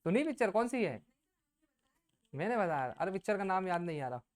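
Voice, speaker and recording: A woman's voice: medium pitch, big pitch swings, brisk, darkish tone. A woman teacher giving an exam coaching lecture, casually explaining with everyday examples and asking the class questions she answers herself.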